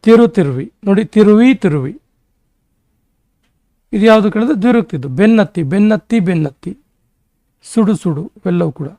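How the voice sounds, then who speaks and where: A male exam-prep teacher giving a grammar lesson, briskly rattling off word lists. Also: high-pitched, lively intonation, dark tone, dry recording.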